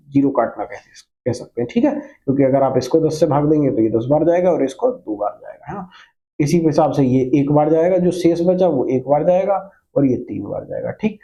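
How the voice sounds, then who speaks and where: A man with a fairly high, mellow voice teaches math to a class, patiently walking through each step. He asks questions, repeats key points and mixes English terms into his Hindi, all on lo-fi audio.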